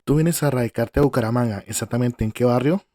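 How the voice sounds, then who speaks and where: A man's voice: medium pitch, fast, warm tone, no echo, clean studio sound. A man, hosting a podcast and asking questions in a jokey, casual way. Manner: jokey, gives playful directions. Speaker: podcast host. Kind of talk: casual interview chat.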